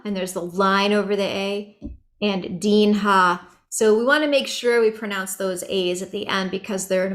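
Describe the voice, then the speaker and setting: A woman leads a chanting workshop over a video call, talking in an easygoing, chatty way with soft laughs and plenty of ums. She takes her time and speaks slowly, at a middling pitch. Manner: relaxed and chatty, laughs lightly, many fillers. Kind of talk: online workshop teaching.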